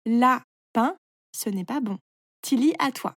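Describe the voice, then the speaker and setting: A woman voicing a wise, calm female caterpillar who referees a race and patiently explains things. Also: fairly high pitch, normal speed, no room sound, clean studio sound, natural voice.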